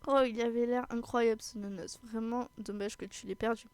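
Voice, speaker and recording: A woman's voice: fairly high pitch, steady tone, moderate pace, a little mellow, smooth, dry recording, close to an everyday voice. A woman playing a shy young witch. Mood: curious. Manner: hesitant. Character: shy young witch girl, polite and timid.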